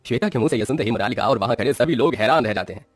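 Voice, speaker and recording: A man narrating a cartoon story as a lively storyteller. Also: medium pitch, racing, breathy edge, no echo, faint music behind.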